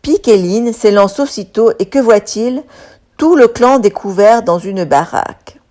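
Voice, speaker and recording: A woman storyteller reading a children's tale aloud. Her reading is expressive and animated, at a middle pitch for a woman. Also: measured pace.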